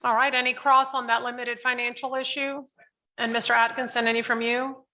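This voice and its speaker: A woman's voice: fairly high pitch, little pitch movement, brisk, bright, forceful tone, slight background noise. A woman presiding as judge in a court hearing, giving procedural instructions, heard on a courtroom recording. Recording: dull lo-fi courtroom audio.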